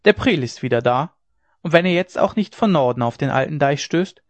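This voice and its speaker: Storybook dike reeve, stern and careworn, a man reading it. Keep it measured, a touch high, on a dry lo-fi track. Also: animated, dry recording, close to an everyday voice. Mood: grave. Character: stern worried male dike reeve, middle-aged. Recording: dry, dull lo-fi recording.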